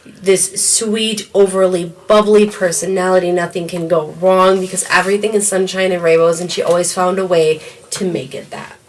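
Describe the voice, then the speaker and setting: A woman hosting a casual wrestling podcast, chatty and quick to exclaim. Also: lowish voice, fairly even intonation, far from the mic, a little hiss or hum. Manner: chatty, exclaims "Lord" often. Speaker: podcast host.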